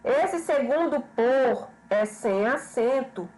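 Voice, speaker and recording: Lady teacher going thru grammar real slow, kinda high voice, keeps checking everyone's following. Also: lively intonation, darkish tone, poor audio. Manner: slow, patient, repeats questions and checks with "certo?". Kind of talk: online grammar lesson.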